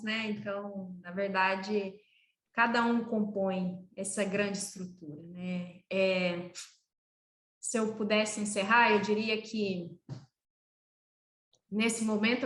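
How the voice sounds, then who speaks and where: A woman's voice: mid-range voice, a bit bright. A Brazilian woman veterinarian, a guest in an interview, talking in an earnest, poetic and emphatic way. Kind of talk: reflective interview talk. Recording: roomy echoey sound.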